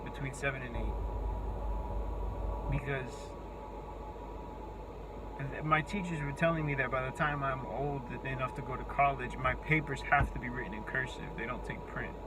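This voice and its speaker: Halting young man with a thin, squeaky voice. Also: steady tone, very noisy. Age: 20s. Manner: halting, searching for words, rambling. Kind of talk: unscripted monologue to camera.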